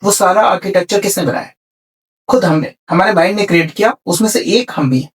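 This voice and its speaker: A man's voice: sits high, brisk, far from the mic. A man on a podcast explaining spiritual ideas in a conversation, repeating key words and mixing in English terms. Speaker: spiritual speaker.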